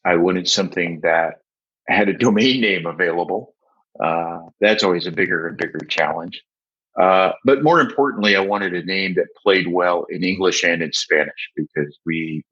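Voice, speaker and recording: Low husky older man, measured. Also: bright, forceful tone. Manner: measured, with frequent "uh" fillers. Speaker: guest, software agency founder. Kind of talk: podcast interview answers. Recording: dull lo-fi audio.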